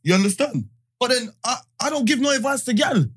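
A man's voice: extremely high pitch, lively intonation, a little fast, a bit bright, breathy edge. A man with a London roadman accent and slangy delivery, bantering casually as a podcast co-host and acting out quotes as he tells stories. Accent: London, urban street slang.

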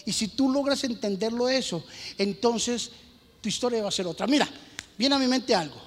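A man preaching a sermon as pastor, telling a story with questions to the congregation and swinging from hushed asides to emphatic shouting. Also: extremely high pitch, normal speed, long reverb tail.

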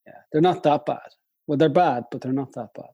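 A man's voice: a little high, a little fast, breathy edge, muffled recording. A man chatting casually as a podcast co-host, easygoing, laughing along and riffing on jokes. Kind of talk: casual chat.

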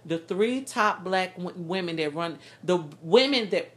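A woman's voice: lowish voice, animated, measured pace, a bit bright. A woman co-hosting a podcast, giving blunt, profane opinions in casual chat about music. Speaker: podcast co-host.

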